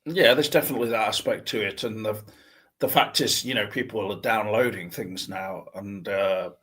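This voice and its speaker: A man's voice: fairly low pitch, moderate pace, fairly bright tone, husky. A middle-aged man co-hosting a casual chat, speaking in a hesitant, rambling and thoughtful way.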